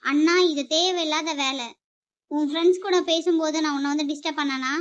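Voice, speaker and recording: Young woman as a defiant kid sister, high pleading voice, muffled lo-fi audio. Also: steady tone, a little fast, close to an everyday voice. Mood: protesting, pleading. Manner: pleading, protesting. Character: defiant teenage sister scolded by her brother. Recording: dull lo-fi recording.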